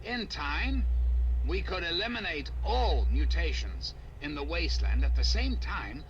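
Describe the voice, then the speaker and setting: An actor voicing a scheming male AI leader in a video game, with a calm, menacing evil AI voice, measured and coldly polite. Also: fairly high pitch. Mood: calm menace. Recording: muffled, distant, noisy game capture.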